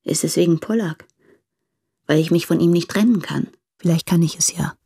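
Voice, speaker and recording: A married woman in a radio play, torn between her husband and her lover. Her voice sits low and sounds husky. She speaks earnestly and pleads. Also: normal speed, warm tone.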